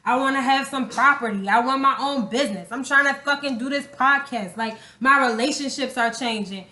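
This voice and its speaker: A young adult woman speaks a little fast in a high, sharp voice while co-hosting a podcast. Her chat about relationships is candid and casual, emphatic and slangy with plenty of profanity. There's an echoey room sound.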